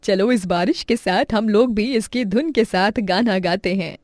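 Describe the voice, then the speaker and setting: A woman voicing a loving old grandmother in a cartoon, speaking slowly and affectionately. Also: medium pitch, darkish tone, no room sound, clean studio sound, close to an everyday voice. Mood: cheerful. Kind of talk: cartoon voice acting.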